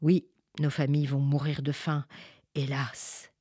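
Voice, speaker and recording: A woman's voice: very deep voice, level tone, unhurried, dark tone, slightly rough, no echo, studio quality, exaggerated voice. A woman voicing a peasant father in a storybook tale, solemn and fatherly. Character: peasant father, grave but tender.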